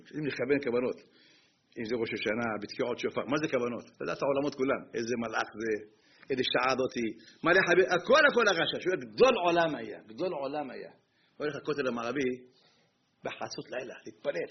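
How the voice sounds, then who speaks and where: A man telling a religious tale in a sermon, dramatic and animated in his storytelling, on a dull, slightly noisy recording. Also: mid-range voice. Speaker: preacher.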